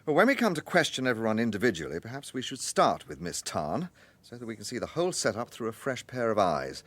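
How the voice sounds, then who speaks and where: An actor playing a polite, weary British gentleman police inspector in a radio drama, measured and quietly probing. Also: mid-range voice, sing-song. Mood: wry, pensive.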